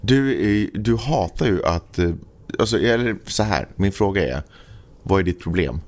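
A man's voice: sits low, expressive. A man co-hosting a casual podcast, rambling and joking, often restarting his sentences. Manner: rambling, self-interrupting, joking. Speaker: podcast co-host. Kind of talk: casual chat.

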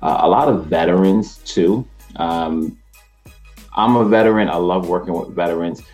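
Deep-voiced energetic man hosting a show. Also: moderate pace, soft background music. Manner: energetic, chatty, laughs easily. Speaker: host, mortgage professional. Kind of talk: casual talk to camera.

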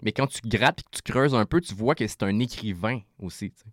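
Québécois guy rapping about rhymes, chatty and animated, keeps saying tu sais, dry close mic. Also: fairly low pitch, fairly quick, no room sound. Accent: Québécois French. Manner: animated, explains with many restarts and "tu sais". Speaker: rapper guest. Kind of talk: casual interview chat.

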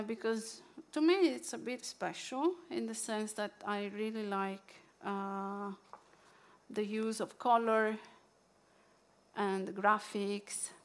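Slow, halting Italian-accented woman sharing books. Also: mid-range voice, steady tone. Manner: halting, many fillers and restarts. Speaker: book presenter. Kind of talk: casual book sharing with a poetry reading.

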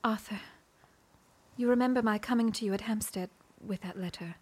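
A woman playing a breathy, whispering Victorian wife. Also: medium pitch, normal speed, darkish tone, natural voice. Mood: anxious. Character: Victorian wife Ida, anxious, hiding a guilty secret. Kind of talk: radio drama acting.

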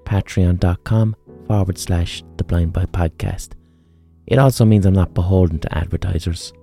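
A man's voice: sits low, normal speed, creaky, dark tone. An Irish man podcasting solo in a casual, sweary, informal way, repeating phrases for emphasis. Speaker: podcast host. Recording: music behind the voice. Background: instrumental music.

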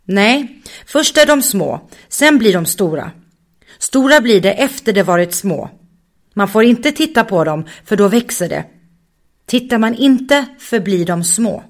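A woman's voice: medium pitch, animated, voice pushed up, lightly acted. A woman voicing a stern male guide in a children's story, firm and commanding.

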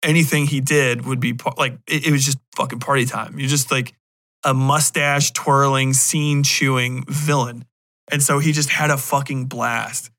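Recorded dry and at studio quality, a male podcast host speaks at medium pitch and an ordinary pace. His review talk wanders casually, full of blunt swearing, animated joking asides, and little performances of things someone might say.

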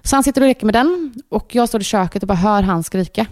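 A woman's voice: medium pitch, no room sound, studio quality. Swedish woman telling a frantic story. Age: 30s. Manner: animated storytelling, acting out quoted panic. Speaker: podcast co-host. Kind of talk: casual chat.

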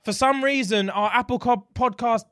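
A man's voice: very high-pitched, normal speed, a bit bright, no room sound, clean studio sound. A young man with a London accent, hosting a podcast in casual, blunt banter full of roadman slang. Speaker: podcast host. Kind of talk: casual chat.

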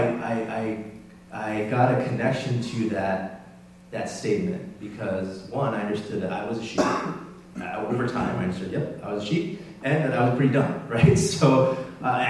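A man's voice: mid-range voice, warm tone. A man preaching in an echoey hall. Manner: conversational, self-deprecating, with restarts. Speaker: pastor. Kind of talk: sermon. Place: church sanctuary. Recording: roomy, distant church mic with hum.

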